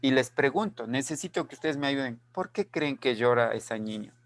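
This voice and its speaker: A man teaching an online class, explaining slowly and repeating key phrases while checking that students follow. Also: medium pitch, expressive, no room sound. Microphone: video call.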